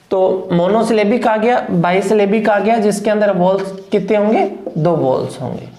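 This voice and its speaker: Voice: mid-range voice, darkish tone. An English teacher giving a phonetics lesson, who poses questions to the class, answers them, and often checks whether everyone has understood. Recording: echoey room.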